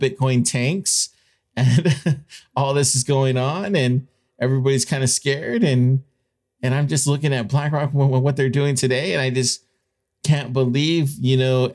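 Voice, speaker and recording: A man's voice: medium pitch, a little mellow. Emphatic man giving informal news commentary. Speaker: host of a crypto news show.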